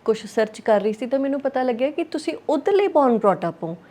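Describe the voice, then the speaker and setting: High-voiced Punjabi woman interviewer, chatty. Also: animated, a little fast, mellow. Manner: chatty, long questions with frequent tag questions. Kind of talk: conversational interviewing.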